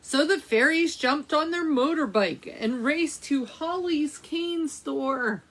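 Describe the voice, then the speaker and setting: A library storytime reader, a woman with a high-pitched voice, reads a picture book aloud for young children slowly and with great animation. Her phrasing is dramatic and drawn out, with chatty asides to her listeners.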